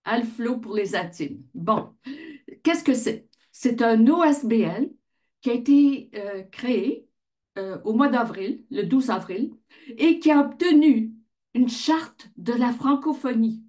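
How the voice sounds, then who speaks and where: A woman from the Ottawa region of Canada, founder of a volunteer reading association, gives an informal explanatory presentation, conversationally posing questions and answering them herself. Her mellow voice is a little high with lively intonation, and she takes it slowly.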